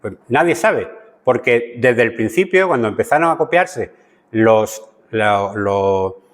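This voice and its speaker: A man's voice: medium pitch, expressive, slow pace. A man gives a conversational Bible study lesson, often stopping to check in with his listeners and restarting his sentences. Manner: conversational teaching, frequent "¿vale?" check-ins and restarts. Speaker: Bible teacher. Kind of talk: church Bible study lecture. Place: church hall. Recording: long church-hall reverb.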